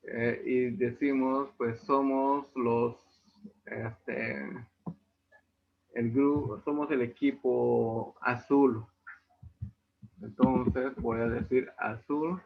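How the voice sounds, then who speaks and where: A man's voice: mid-range voice, fairly even intonation, extremely slow, creaky, long pauses. A man with a Yucatecan Spanish accent teaching a language class over a video call, explaining patiently. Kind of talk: online class lesson. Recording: tinny video-call audio.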